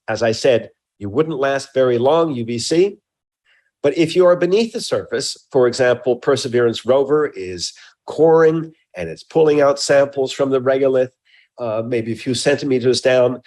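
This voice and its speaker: Here a man of medium pitch and darkish tone speaks in an interview about his scientific work. His explanations are emphatic yet halting, full of repeated words.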